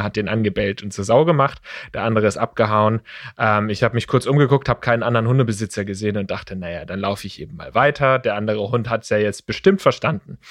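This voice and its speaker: Male podcast co-host, lively storyteller, dry close mic. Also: no echo. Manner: animated storyteller, jumps high when quoting himself. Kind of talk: casual chat.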